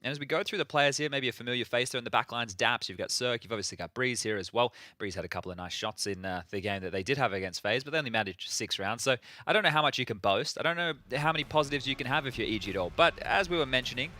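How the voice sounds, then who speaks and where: Fast-talking, bright-voiced esports caster. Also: male voice, mid-range voice, dry recording. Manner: rapid, energetic analysis with frequent "right?" tags. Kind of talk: esports match-preview commentary.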